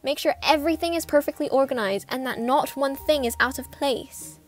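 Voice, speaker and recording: A woman's voice: high voice, fairly quick, lightly acted. A woman voicing an earnest, fussy young princess in a story reading, eager and precise. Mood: urgent, fussy.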